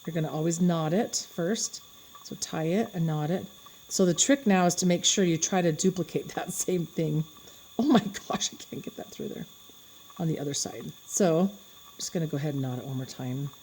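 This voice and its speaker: A woman's voice: low voice, fairly quick, a little mellow, a little hiss or hum. A woman giving a step-by-step craft demonstration, chatting and thinking aloud as she works with her hands. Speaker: craft instructor.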